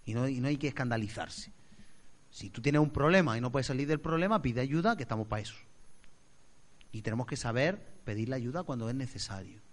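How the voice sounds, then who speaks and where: Male pastor, mid-pitched, dramatic sermon delivery with loud and soft swings. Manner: expressive, acts out voices, swings loud to soft.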